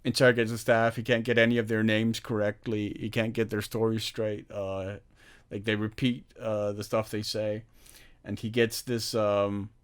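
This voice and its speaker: A man hosting a film podcast, retelling movie scenes in casual chat with animated energy and frequent laughter. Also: lowish voice, moderate pace, smooth. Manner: animated storytelling, laughs often. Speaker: podcast host.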